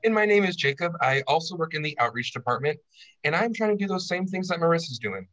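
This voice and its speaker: A man's voice: fairly high pitch, very animated, quick pace, fairly bright tone, muffled recording. A man from a library outreach team briefly introducing himself on a video call.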